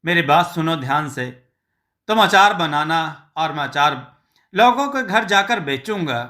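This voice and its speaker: A cheerful, boastful village farmer full of playful teasing, as a male storyteller puts him on. He talks in a slow, easy way with a bright, slightly high voice. He suits a storybook tale. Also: expressive.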